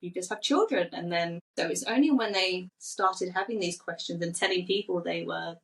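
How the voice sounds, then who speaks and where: A woman in her forties who grew up in Thailand, speaking in a lowish voice. She tells family stories in a relaxed podcast chat and laughs lightly now and then. She sits a little back from the mic, so her voice sounds slightly distant. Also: moderate pace, gravelly. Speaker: children's book author. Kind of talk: casual podcast conversation.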